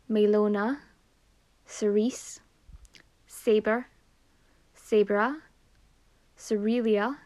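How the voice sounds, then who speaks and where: Woman, casual name list, repeats each name, slow, flat delivery. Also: medium pitch, gravelly, dull audio. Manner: repeats each name slowly, nerdy asides. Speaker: name pronunciation reader.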